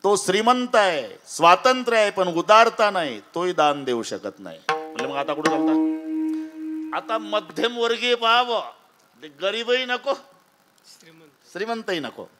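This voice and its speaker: A man's voice: sits high, lively intonation, measured pace, pushed and bright, faint music behind. A man preaching a devotional kirtan sermon, telling stories dramatically and acting out voices. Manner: dramatic storytelling with acted voices.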